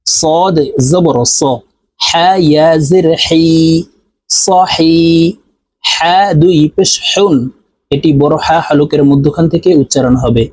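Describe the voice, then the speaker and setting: A man with a Bangladeshi Bengali accent teaching Quran reading, spelling each syllable slowly and then drawing out the whole word in a sung tone. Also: on the high side, fairly even intonation, dry recording. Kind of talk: slow spelling-out recitation lesson.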